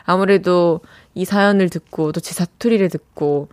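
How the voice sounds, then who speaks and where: A young woman hosting radio reads listener messages and chats about them, reacting warmly. Her fairly low voice is clear and resonant at a normal pace, recorded dry on a studio mic.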